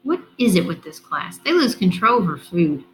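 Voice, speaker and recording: A woman's voice: fairly low pitch, very animated, normal speed, a little hiss or hum, rough recording. A woman reading the part of a confident, friendly schoolgirl who speaks directly. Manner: warm, direct.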